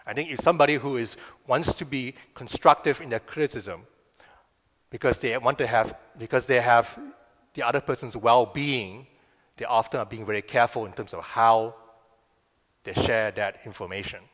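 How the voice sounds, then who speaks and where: Male pastor, mid pitch, relaxed conversational sermon, long room reverb. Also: moderate pace. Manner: conversational, asks the crowd "right?" often.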